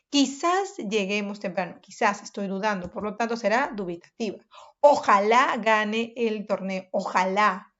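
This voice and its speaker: Woman teacher, from Peru, fairly high voice, step-by-step explanations, slightly dull lo-fi audio. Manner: explains step by step, addresses pupils as chicos. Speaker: primary school teacher. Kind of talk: online review lesson.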